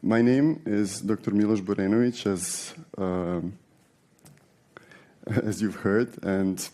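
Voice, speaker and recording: A Serbian man in his forties gives a conversational conference talk in a large hall. His voice is on the low side and dark, and his speech is full of fillers and restarts.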